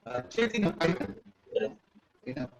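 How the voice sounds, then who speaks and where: A man's voice: fairly high pitch, very animated, moderate pace, lo-fi sound, noisy background. A man on a video call. He speaks hesitantly with many fillers, and his audio is buzzy and glitchy and keeps breaking up. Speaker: snake rescue worker presenting on a video call. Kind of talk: halting presentation to a webinar. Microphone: computer or phone mic on a video call.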